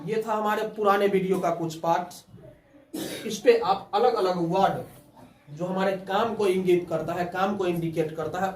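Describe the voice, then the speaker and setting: A man teaches a spoken English class, drilling students with call-and-response prompts. His voice is high, with a little hiss or hum, and the recording is roomy, picked up from far off the mic.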